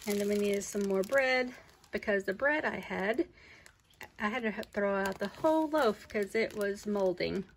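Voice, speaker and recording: A woman showing off her groceries in a casual home vlog, chatty and unhurried, with frequent ums. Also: medium pitch, a little hiss or hum. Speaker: vlogger, mother. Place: home kitchen.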